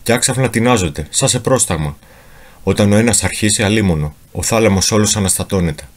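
A man giving a solemn, theatrical reading of a memoir as a dramatic literary reading. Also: fairly low pitch. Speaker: reader of a memoir.

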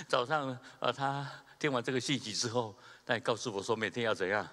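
Bright-voiced pastor preaching in a reverberant church. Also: male voice, mid-range voice, moderate pace. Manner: animated storyteller, chuckles, acts out quoted people. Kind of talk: sermon with humorous storytelling. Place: church sanctuary during a Sunday service. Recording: long reverb of a church hall.

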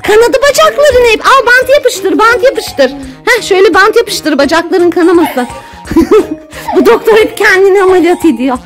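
Young mother, very high and swooping voice, playful and coaxing, background music. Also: lively intonation, moderate pace, a bit bright. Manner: playful, coaxing and narrating a pretend doctor game. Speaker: mother playing with her children. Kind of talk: casual family play. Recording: music playing under the voice.

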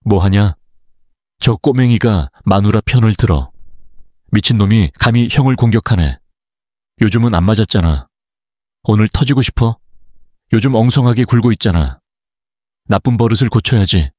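A man's voice: lowish voice, lively intonation, normal speed, pauses often, darkish tone, no room sound, clean studio sound. A man voicing a hot-tempered, bullying older brother-in-law who scolds and threatens. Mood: angry.

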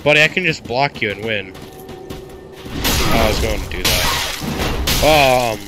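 A man's voice: fairly low pitch, animated, slow. Sick, coughing man chatting over gameplay. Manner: rambling, self-deprecating. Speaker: gaming channel host. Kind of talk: casual gameplay commentary. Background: loud game music.

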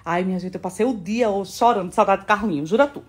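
A woman's voice: medium pitch, fast talker. A middle-aged woman, chatting affectionately to her followers in a casual phone vlog, repeating herself and laughing. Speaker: social media influencer.

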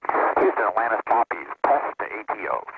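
A shuttle crew member giving terse, flat procedural readbacks over a breaking-up space-to-ground radio link. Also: male voice, fairly low pitch, normal speed. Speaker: shuttle crew member reading back calls. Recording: tinny crackly radio link with static.

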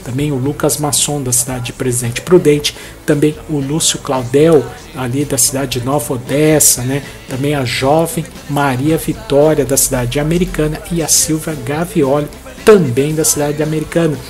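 A man's voice: fairly high pitch, fairly even intonation, normal speed, hardly any pauses, darkish tone, faint music behind. Upbeat male events host, headset mic. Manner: upbeat announcer reading listings, friendly asides. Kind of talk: events roundup and birthday greetings. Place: indoors against a plain bright wall.

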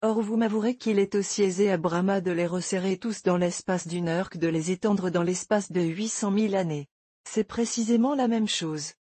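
A woman voicing a patient good genie, now a valet, who explains things calmly in an audiobook reading. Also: mid-range voice, normal speed, slightly rough, no echo, natural voice. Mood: explaining. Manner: calm, explanatory.

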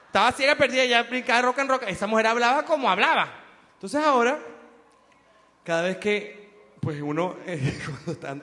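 A man with a Venezuelan accent doing a crude, mocking stand-up comedy routine, telling animated stories. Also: sits high, long reverb tail.

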